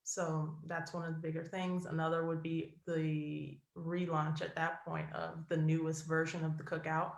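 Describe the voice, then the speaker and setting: A woman co-guest on a podcast, explaining plans in a measured, steady way. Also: deep voice, creaky. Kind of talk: casual chat. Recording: roomy echo.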